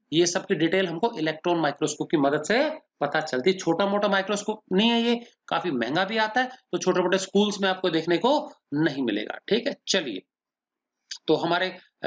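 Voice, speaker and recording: A male science teacher with an Indian English accent, lecturing students in a patient manner and often checking whether they have understood. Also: high voice. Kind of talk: classroom lecture, mixing Hindi and English. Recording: dull lo-fi audio.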